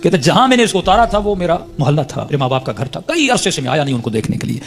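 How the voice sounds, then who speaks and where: Higher-voiced man preaching a dramatic sermon. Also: big pitch swings, gravelly. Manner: dramatic, voice swelling high on emotional peaks. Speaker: religious preacher. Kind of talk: emotional sermon storytelling.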